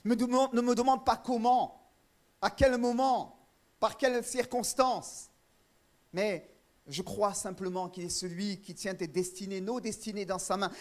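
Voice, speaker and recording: Man, high voice, fervent sermon, short emphatic repeated phrases, frequent amens, church. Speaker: pastor.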